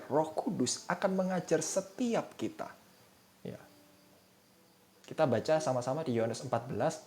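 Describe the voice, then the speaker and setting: Man preaching casually over soft music. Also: medium pitch. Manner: casual conversational preaching, addresses listeners as "saudara". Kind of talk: sermon. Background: soft instrumental music.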